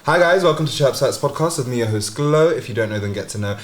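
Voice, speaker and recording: A woman's voice: very deep voice, animated, quick pace, echoey room, slight background noise. A young woman, hungover, hosting a casual podcast in a candid, playful, slangy and sweary way. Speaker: podcast host. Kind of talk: casual chat.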